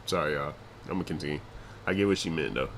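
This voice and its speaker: A man's voice: rumbling low, fast, a bit bright, a little hiss or hum. A man hosting a reaction video, laid-back and talking straight to his audience. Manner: laid-back, laughs, talks to the audience, says "bro". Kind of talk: casual reaction commentary.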